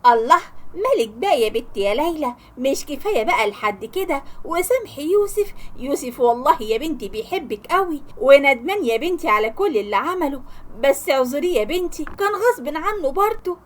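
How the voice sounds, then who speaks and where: Woman doing a soft-spoken coaxing aunt. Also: sits high, animated, brisk. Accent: Egyptian. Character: older aunt, coaxing matchmaker.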